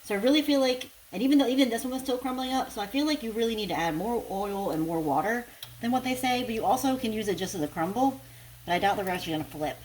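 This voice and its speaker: A woman's voice: fairly high pitch, fast talker, a little mellow, rough recording. A woman food vlogger talking casually through what she is cooking. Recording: faint kitchen noise, frying sizzle.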